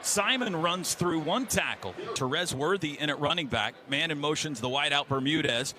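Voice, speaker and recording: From a stadium broadcast booth, an American man calls football on live radio in clipped, short phrases, with a crowd audible behind him. His voice is a little high and his speed normal, and the sportscast has faint noise.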